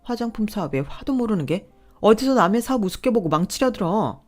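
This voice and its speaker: A woman voicing a furious young pregnant wife who scolds and shouts at her husband. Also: medium pitch, lively intonation, normal speed, faint music behind, close to an everyday voice. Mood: scolding.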